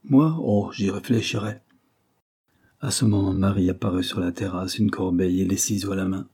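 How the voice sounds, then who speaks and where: A man reading a novel aloud as an audiobook narrator, with an even, measured delivery. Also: sits low, husky. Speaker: audiobook reader.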